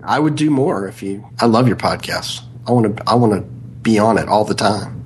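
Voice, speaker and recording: A man with a gravelly voice, an author chatting casually as an interview guest. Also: fairly low pitch, normal speed, background noise.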